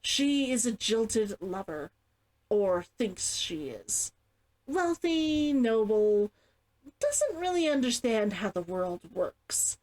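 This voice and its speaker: A woman's voice: fairly high pitch, big pitch swings, slow pace, a little mellow, poor audio. A woman reading the lines of a guarded, weary man who fled servitude, in a storybook narration. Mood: bitter, weary.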